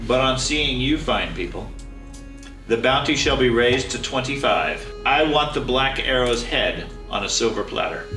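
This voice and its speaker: A man's voice: medium pitch, expressive, normal speed, bright, forceful tone. A man voicing a smug, pompous nobleman in a tabletop game, in the manner of a mustache-twirling villain. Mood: imperious. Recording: roomy, distant mic, faint music.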